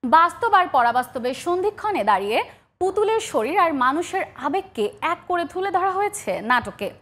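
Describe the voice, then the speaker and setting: A woman's voice: very high voice, very animated, brisk, a bit bright. A woman reading a formal, literary scripted television feature narration. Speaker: segment narrator. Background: music behind the voice-over.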